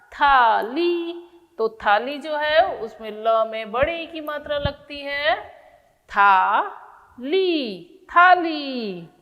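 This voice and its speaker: Woman teacher, high voice, very slow, sounds out each syllable for small children, long reverb behind her. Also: lo-fi sound. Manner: patient, asks questions and answers them herself. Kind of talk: children's Hindi phonics lesson.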